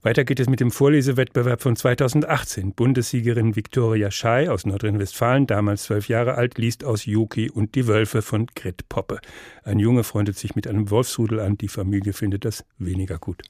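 A male radio host interviewing a guest and announcing segments in a calm, summarizing manner. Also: fairly low pitch, a little fast, no room sound, studio quality.

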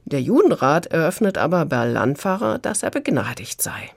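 A woman's voice: low voice, very animated, moderate pace, gravelly, dry recording, studio quality. A woman reviewing a book on radio, fluent and engaged, pointedly critical. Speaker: literary critic.

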